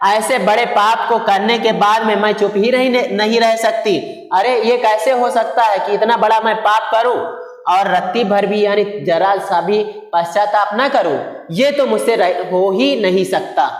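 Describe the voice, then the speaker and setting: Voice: mid-range voice, unhurried. A Hindi teacher explaining a poem for exam students, who asks questions, answers them and rephrases each point with synonyms. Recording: echoey room with long reverb.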